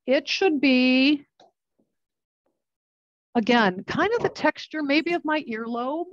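A woman's voice: high voice, lively intonation, slow, dry recording, lo-fi sound. A woman teaching a cooking class, chatting and explaining each step while she works with her hands. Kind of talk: live cooking demonstration.

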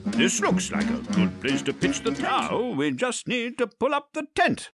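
A woman with a fairly high voice and huge pitch swings speaks at a moderate pace, narrating a children's game in a sing-song, encouraging, praising manner. It's scripted narration for young children, heard as game audio over loud music.

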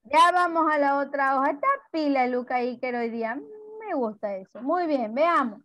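High-voiced patient teacher. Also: female voice, normal speed, a bit bright. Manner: patient, affectionate, full of diminutives. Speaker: preschool teacher. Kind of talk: online class for young children.

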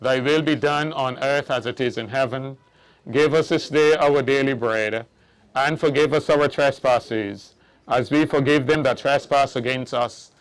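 Clear, solemn man praying at a graveside. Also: mid-range voice, low-quality recording. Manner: solemn, measured. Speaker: priest leading a burial. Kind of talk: formal liturgical prayer recitation at a graveside. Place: outdoors at a graveside.

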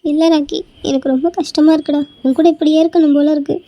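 A woman's voice: high-pitched, little pitch movement, fast talker, dry recording, muffled recording. A woman voicing a clingy young woman in a cartoon who pleads and thanks over and over, with a scheming edge. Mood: pleading. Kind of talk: cartoon voice acting.

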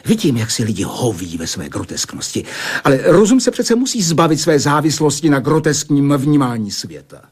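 A man performs an older physicist in a radio drama, begging one moment and philosophizing the next. The voice is husky and slightly breathy, with a wide, lively pitch that sometimes drops to a whisper. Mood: lecturing. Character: older male physicist, pleading, lecturing. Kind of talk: Czech radio play acting.

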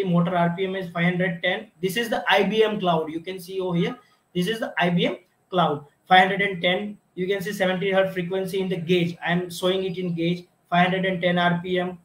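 A man with a high-pitched, fairly bright voice serves as instructor for a technical lab demonstration in an automation lab with equipment. He explains things one step at a time, with frequent restarts and the recurring phrase "you can see," and the room is echoey.

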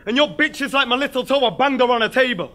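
A man's voice: extremely high pitch, heavy background noise. A man performing a rhymed rap battle verse at a live venue, firing brash insults. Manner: brash, rhymed insults delivered fast and loud. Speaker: battle rapper.

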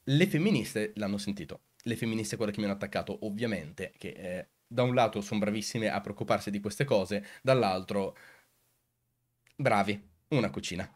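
A man's voice: on the low side, moderate pace. A man speaking emphatically as a video host, commenting on clips and putting rhetorical questions to viewers.

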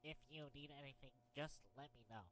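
A man voicing an eerie, overly polite office employee in a video game, speaking slowly. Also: a little high, a bit bright, slight background noise, close to an everyday voice. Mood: helpful, flat. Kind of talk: video game character dialogue.

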